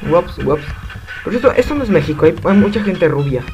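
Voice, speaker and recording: A man's voice: a little high, sing-song, fairly quick, lo-fi sound, background noise. A young man with a Mexican Spanish accent commenting casually on a fighting game as he plays, swearing in frequent outbursts. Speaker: gamer. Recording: game music loud behind voice.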